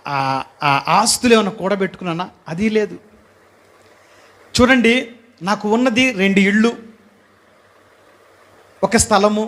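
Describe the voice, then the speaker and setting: A middle-aged man giving a lively testimony to a church congregation as guest preacher, often asking the listeners questions and calling out hallelujah. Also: high-pitched. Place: church hall.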